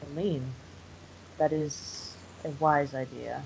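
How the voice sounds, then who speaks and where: A woman's voice: low voice, steady tone, takes it slowly, creaky, background noise. A woman speaking in character during a tabletop role-playing game. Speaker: player. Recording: muffled sound with music behind. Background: music.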